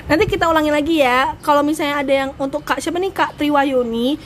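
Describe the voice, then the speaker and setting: A young woman hosting a casual live stream, chatty and giggly, answering viewer questions and admitting she talks too fast. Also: high voice. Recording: noisy live stream audio.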